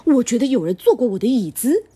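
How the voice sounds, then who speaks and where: Woman voicing a big father bear, gruff, loud, grumbling, breathy. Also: a little high, sing-song, quick pace.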